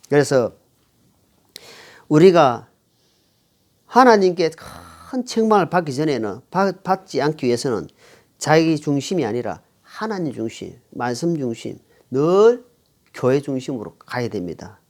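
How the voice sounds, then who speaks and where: A man's voice: high voice, a little mellow. A middle-aged male pastor preaching a sermon, reading scripture aloud and repeating phrases for emphasis. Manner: reads scripture aloud to the congregation.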